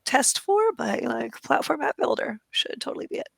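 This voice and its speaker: A woman's voice: high-pitched, big pitch swings, moderate pace, gravelly, a little hiss or hum. A woman co-hosting an online user group meetup, upbeat and laughing between remarks, on a video call. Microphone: home microphone on a video call.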